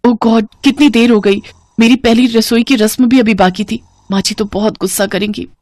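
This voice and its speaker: A woman's voice: on the high side, steady tone, normal speed, darkish tone, dry recording, pitched above the performer's own voice, lightly acted. A woman voicing a timid young bride in a storybook, speaking in a pleading, fearful way. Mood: earnest.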